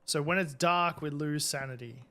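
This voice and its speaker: Higher-voiced man playing a game. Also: normal speed, noisy background. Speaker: gaming video host. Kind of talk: casual playthrough commentary, reading game text aloud.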